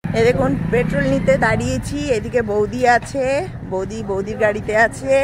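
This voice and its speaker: A woman's voice: on the high side, a little fast. A woman in her thirties chatting to viewers as she films her family on a car trip, pointing things out as she goes. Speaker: vlogger and mother. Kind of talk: casual family travel vlog. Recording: phone video with car noise. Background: car and road noise.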